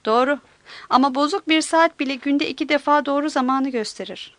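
A woman's voice: high-pitched, a little fast, no room sound, lightly acted. A woman voicing a crude, hungry male vagrant who talks brashly and pushily. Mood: jokey. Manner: brash, boisterous, pushy.

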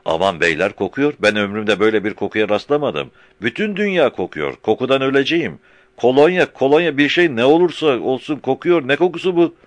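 A man voicing a panicked, pompous middle-aged deputy who shouts in a shrill, frantic voice. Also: very animated, brisk, no echo, lightly acted. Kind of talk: audiobook character voice.

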